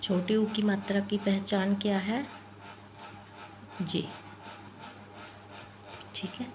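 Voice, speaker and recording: A woman teaches vowel signs in a slow, unhurried voice, breaking each word into its sounds and saying it again and again. Faint noise sits under the recording. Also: mid-range voice, flat delivery. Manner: spells words out sound by sound and repeats them. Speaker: Hindi teacher. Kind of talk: explaining letters and vowel signs.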